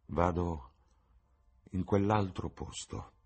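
Haunted young gent, curt and edgy, husky low voice, read by a man. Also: takes it slowly, darkish tone, exaggerated voice. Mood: weary. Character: haunted, restless young gentleman.

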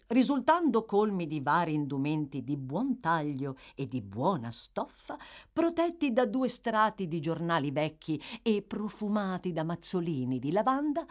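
A woman narrating a classic novel aloud in a measured, expressive storytelling manner. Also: fairly low pitch. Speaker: audiobook reader. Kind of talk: literary audiobook narration.

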